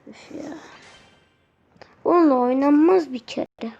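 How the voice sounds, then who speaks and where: A woman giving live gameplay commentary, grumbling and repeating words in quick bursts as she plays. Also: sits high, gravelly, darkish tone, dull audio. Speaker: gaming video host.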